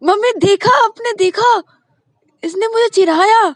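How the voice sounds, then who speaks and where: A woman voicing a bratty teenage girl who complains in a shrill, tearful way. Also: fairly quick, darkish tone, dry recording, natural voice. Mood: tattling.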